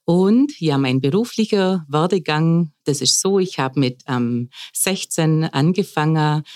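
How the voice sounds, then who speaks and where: A woman in her fifties, a palliative care coordinator, explaining her work at length in a conversational podcast interview, with fillers and pauses. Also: deep voice, expressive, darkish tone. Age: 50s.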